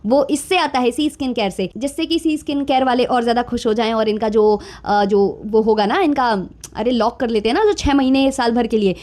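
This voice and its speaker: High-voiced outspoken woman commentator. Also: a little mellow. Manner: outspoken, indignant ranting. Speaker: YouTube commentator. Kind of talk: casual commentary vlog.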